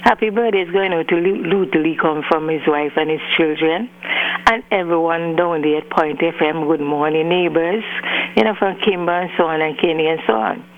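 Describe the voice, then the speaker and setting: Over a clipped, faintly humming phone line, an Antiguan-accented caller to a radio show strings names together with lots of "you know" while rambling through birthday greetings. The voice has medium pitch and normal speed, with a little hiss or hum.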